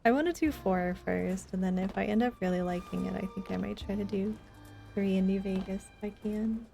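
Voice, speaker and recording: A woman with a medium-pitched, gravelly, mellow voice chats a little fast during her indoor live game stream, answering viewers as she plays. Faint music runs behind her.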